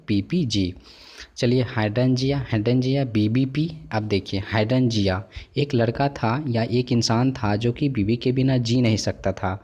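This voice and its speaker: Male teacher, coaxing classroom delivery, repeats key points, average pitch. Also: a little mellow. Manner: repetitive, coaxing, asks and answers own questions. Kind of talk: explaining memory tricks to students.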